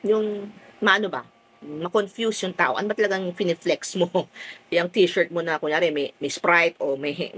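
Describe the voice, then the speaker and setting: A middle-aged woman from the Philippines with a full, loud voice, chatting casually while selling on a phone live stream from home. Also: sits low, breathy edge, low-quality recording. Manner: chatty, lively, fond of "o, di ba?".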